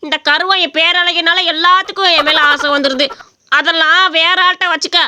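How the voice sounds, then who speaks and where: A woman's voice: extremely high pitch, steady tone, normal speed, bright, forceful tone, exaggerated voice. Woman doing a cocky, cheeky village youth. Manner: mocking, boastful. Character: cheeky young village man, cocky trickster. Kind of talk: cartoon story voice acting.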